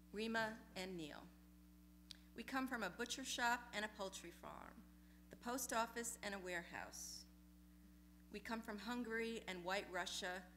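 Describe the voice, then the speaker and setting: A woman with a bright, clear voice reads personal essays aloud in a lecture hall, middle-pitched and unhurried. Her delivery is measured and deliberate, letting each phrase settle before the next. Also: a little hiss or hum. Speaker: essay reader at a memorial reading.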